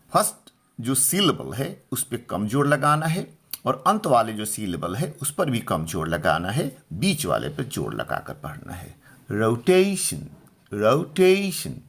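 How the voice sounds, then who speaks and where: Slow, patient male teacher, husky voice. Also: medium pitch, a bit bright. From India. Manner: slow, patient, repeats words and asks if clear. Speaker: English teacher. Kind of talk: Hindi-language pronunciation lesson.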